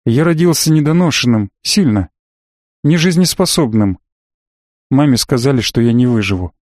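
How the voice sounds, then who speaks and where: A man voicing a quiet, earnest young man who pleads and confides through a closed door. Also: medium pitch, animated, normal speed, dry recording, studio quality, lightly acted.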